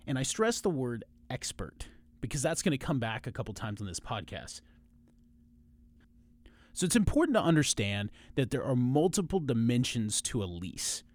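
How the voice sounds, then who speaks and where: A man who works as a lawyer, hosting a podcast and explaining a topic in a measured way with frequent restarts. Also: mid-range voice, very animated, a little mellow. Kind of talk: informational podcast monologue.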